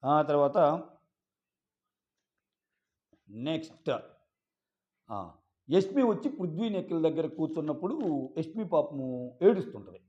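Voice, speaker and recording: A man recapping a reality show episode in a casual, animated way, acting out quoted lines. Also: on the high side, measured pace, long pauses. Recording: dull lo-fi sound.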